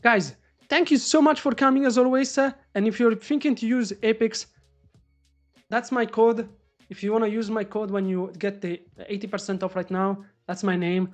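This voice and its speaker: A man doing live trading commentary on a stream, excitable and swearing as he talks to the market. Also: high-pitched, normal speed, faint music behind. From Morocco. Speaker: day trader live-streaming.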